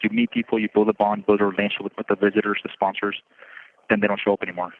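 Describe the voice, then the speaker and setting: Low-voiced man on a tinny prison phone line, steady and plainspoken in an interview. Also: very fast. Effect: heard over a prison phone line. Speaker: incarcerated student. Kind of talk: interview answers.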